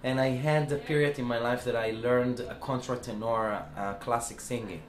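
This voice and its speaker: In a music club after a show, a Hebrew-speaking singer who founded his band talks casually with an interviewer in his Israeli accent. His medium-pitched voice keeps a fairly even intonation at a moderate pace, the room sounds spacious, and his speech is halting, full of fillers and false starts.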